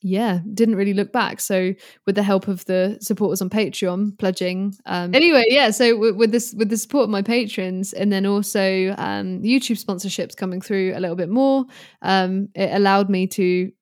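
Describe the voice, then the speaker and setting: A British woman in her early twenties, a guitarist and online creator, chats casually as a podcast guest, candid, informal and rambling. Her voice is medium-pitched and a little mellow, at a normal speed. The recording is dry with clean studio sound.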